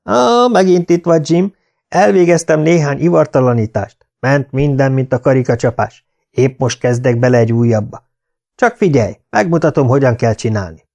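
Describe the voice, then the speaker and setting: A man voicing an excitable, self-assured male veterinary surgeon in an audiobook reading, with boastful, exclaiming delivery. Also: medium pitch, vocal fry, lightly acted. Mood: eager.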